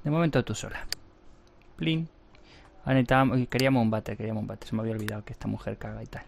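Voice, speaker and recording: A man's voice: fairly low pitch, flat delivery, rapid-fire, vocal fry, a little hiss or hum. A man giving casual gameplay commentary, chatty and mocking as he talks to the characters on screen.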